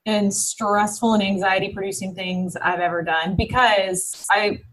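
A woman business founder talking casually as an interview guest, animated and quick, with many fillers. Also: mid-range voice, rough recording.

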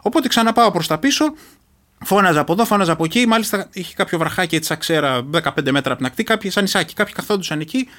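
A middle-aged man from Greece, speaking with a notably high voice as an interview guest. He retells a personal experience earnestly and with feeling, often restarting his sentences mid-thought. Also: expressive, fairly bright tone. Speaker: interview guest, reserve commando.

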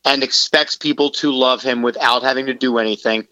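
A man's voice: mid-range voice, steady tone, a little fast, sharp tone, no room sound, highs cut off. A man calling in as a guest on a sports talk show, talking in a sarcastic, emphatic way. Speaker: guest podcaster. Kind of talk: casual sports chat. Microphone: phone call.

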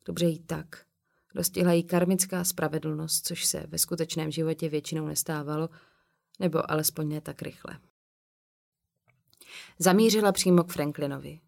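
A woman narrating an audiobook in a calm, measured reading. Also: deep voice, gravelly. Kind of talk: scripted narration.

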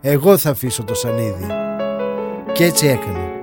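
A man narrating a documentary in a calm, measured, scripted way. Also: mid-range voice, over loud music.

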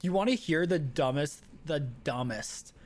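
Man, high voice, sarcastic, rants quickly, casual chat co-host. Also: expressive. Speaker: podcast co-host.

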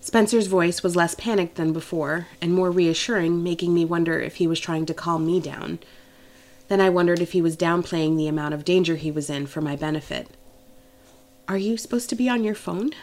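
A woman with a slightly low voice reads a romance novel in the first person. Her delivery is intimate and emotional, and she tells the story closely and warmly. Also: steady tone, fairly quick. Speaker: audiobook narrator.

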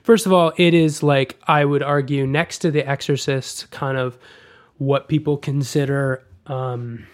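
A man's voice: mid-range voice, steady tone, measured pace. A young man co-hosting a casual film chat, rambling with many fillers and restarts. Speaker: podcast co-host.

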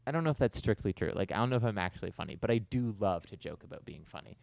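A man's voice: lowish voice, lively intonation, rapid-fire, gravelly, background noise. A man co-hosting a podcast in casual chat, rambling and self-deprecating as he jokes along. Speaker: podcast co-host.

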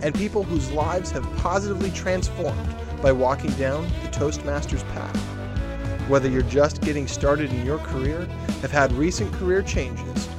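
A man reading a scripted podcast intro in a smooth, even voice. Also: a little high, moderate pace. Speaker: podcast announcer. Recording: loud music bed.

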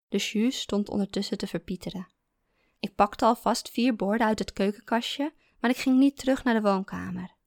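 A woman reads a first-person story aloud in a calm, measured voice. There's a gravelly fry in her tone. The recording is close and very dry. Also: medium pitch, no echo. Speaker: narrator.

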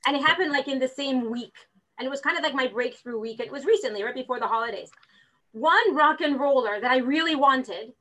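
A high-pitched woman, recorded in low quality, chats casually as an interview guest. She works as a real estate recruiter and tells her stories energetically and animatedly, voicing the quotes herself.

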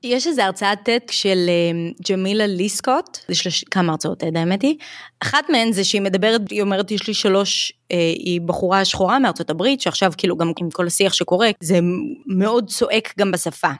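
A woman's voice: mid-range voice, dry recording, clean studio sound. A woman from Israel, an English teacher and YouTuber, speaking as a guest in a podcast conversation, reflective and frank, dropping English phrases into her talk.

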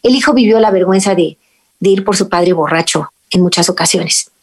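A woman's voice: on the low side, a little fast, breathy edge. A middle-aged woman with a Mexican accent who hosts a radio talk on parenting and faith and speaks earnestly and emphatically to her listeners. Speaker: radio host.

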